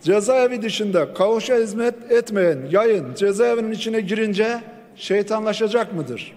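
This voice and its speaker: Male lawmaker at a rostrum microphone, higher voice, formal, reverberant hall. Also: lively intonation, a little slow, a little mellow. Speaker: member of parliament giving a speech. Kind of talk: formal parliamentary floor speech. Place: large parliament chamber. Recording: long reverb of a large chamber.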